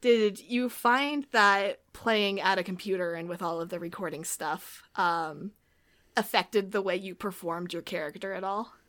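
A woman game master with a medium-pitched, slightly bright voice talks at a measured pace about her tabletop session. It's a casual podcast chat over video call, full of filler words and easy laughs.

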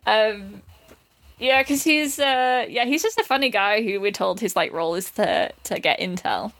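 A woman's voice: mid-range voice, lively intonation, normal speed, fairly bright tone. A woman co-hosting a podcast, chatting casually about a film with frequent fillers and easy laughter. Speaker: podcast co-host.

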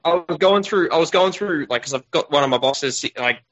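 Man, fairly high voice, very bright and forceful, blunt casual talk, mobile call breaking up, dull lo-fi audio. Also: animated, a little fast. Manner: blunt, swears freely. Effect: voice cutting in and out over a weak mobile connection. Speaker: podcast guest, band member. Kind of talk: casual chat. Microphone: phone on a video call.

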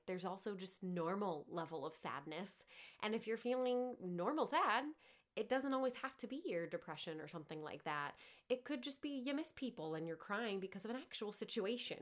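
Chatty, candid woman podcast host. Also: mid-range voice. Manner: chatty and candid, swears, laughs often. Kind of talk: casual solo podcast chat.

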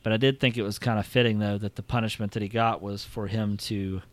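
A man with a fairly low voice guides a relaxed film chat with friends. He rambles and hesitates, filling gaps with "uh" and "like" as he works through his thoughts. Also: fast, no room sound. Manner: rambling, hesitant with many fillers. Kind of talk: casual movie discussion.

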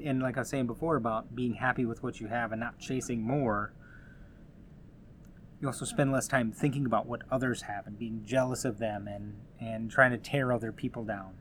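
Male host, mid pitch, earnest and encouraging, casual advice-giving tone, faint background hum. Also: fairly bright tone. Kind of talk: casual motivational talk.

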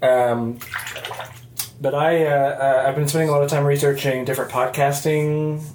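A man hosting a casual solo podcast from an echoing bathroom, talking in a halting, rambling, informal way. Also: fairly high pitch, steady tone, a little mellow. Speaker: podcast host. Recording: echoey bathroom, faint background noise. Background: faint noise, sounds of shaving at sink.

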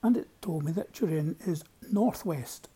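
Husky man with a broad Scottish accent. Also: a little high, normal speed, dark tone. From Scotland. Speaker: listener sending in a voice memo. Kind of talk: casual spoken voice memo, telling anecdotes. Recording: home voice memo.

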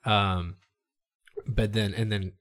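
A man's voice: lowish voice, fairly even intonation, takes it slowly, fairly bright tone. A man in casual conversation about music, talking in loose, rambling sentences with many restarts.

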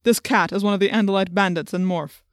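A woman's voice: mid-range voice, steady tone, fast talker, no echo, clean studio sound, lightly acted. A woman voicing a cruel, menacing man controlled by an alien parasite, snapping threats and commands in an audiobook. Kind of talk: audiobook character voice.

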